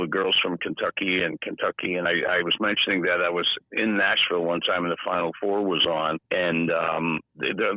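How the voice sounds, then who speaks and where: Low-voiced man on a tinny phone line. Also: no room sound. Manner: rambling, stammering restarts. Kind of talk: casual storytelling chat.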